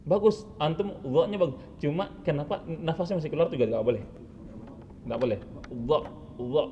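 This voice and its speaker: A man's voice: a little high, a little fast, mellow, dull audio. A man coaching students on Quran recitation, correcting their pronunciation and demonstrating sounds over and over, with a teasing edge. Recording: hall reverb, faint ambient noise.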